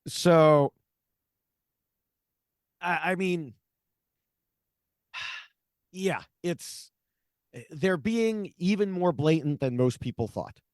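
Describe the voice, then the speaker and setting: A man's voice: a little high, lively intonation, extremely slow, pauses often, no echo, studio quality. A man co-hosting a political podcast, talking casually with sarcasm and exasperation and lots of fillers. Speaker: podcast co-host.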